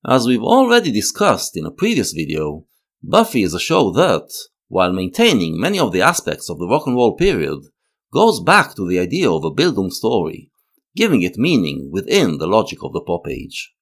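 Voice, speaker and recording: Narrating an analytical video essay from a script, a man speaks with a rather low voice that swings hugely in pitch. His manner is measured and lecture-like, with emphasis landing on key words.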